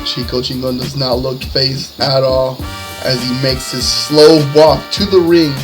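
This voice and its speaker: Calling a lucha libre match over background music, a male announcer delivers play-by-play in short, escalating phrases. He has a medium-pitched voice with fairly even intonation and a measured pace.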